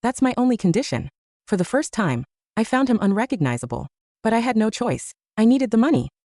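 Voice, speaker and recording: A woman narrating a first-person romance audiobook story in an expressive storytelling manner. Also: on the high side, a little fast, no echo, studio quality.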